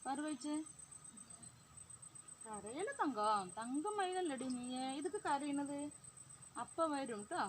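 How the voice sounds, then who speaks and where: A woman's voice: sits high, moderate pace, rough recording. A woman playing mother to her dolls, talking in fond, coaxing, motherly chatter. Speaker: vlogger. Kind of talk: pretend play, mothering dolls. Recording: clear background noise.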